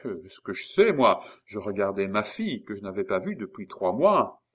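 A man's voice: fairly low pitch, very animated, normal speed, slightly rough. A man voicing a flustered, simple middle-aged woman who hesitates and stammers.

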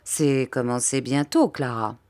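A woman voicing a stern, controlling stepfather who speaks in a smooth, measured, menacing way. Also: very deep voice, a little mellow, pitched below the performer's own voice. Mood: cold control.

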